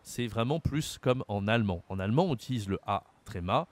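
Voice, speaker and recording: A man from France teaching a French lesson to learners, pronouncing words slowly and carefully and repeating the sounds. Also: lowish voice, expressive. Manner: slow, exaggerated pronunciation, repeating sounds for learners. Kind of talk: online language lesson.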